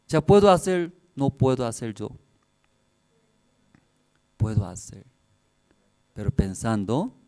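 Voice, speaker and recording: Male pastor preaching, broken spanish, animated and laughing, pitch jumps all over. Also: gravelly. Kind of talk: sermon with personal stories.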